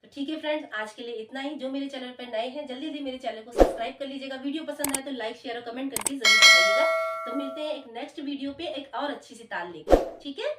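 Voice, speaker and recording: A woman's voice: high-pitched, quick pace, heavy background noise. A woman teaching dholak in an encouraging, friendly way, counting the beats aloud as she plays. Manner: warm, encouraging, coaxing. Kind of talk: friendly music lesson. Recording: roomy, distant, dull sound with dholak drumming.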